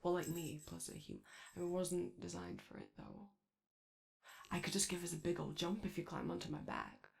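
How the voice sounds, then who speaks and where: An excitable, gentle robot sun character acted out by a woman in an ASMR roleplay. The voice swings widely in pitch and breaks into heavy creak. The delivery is chatty, hesitant and self-conscious, rambling on as it comforts the listener. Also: moderate pace, full character voice. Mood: eager, giggly.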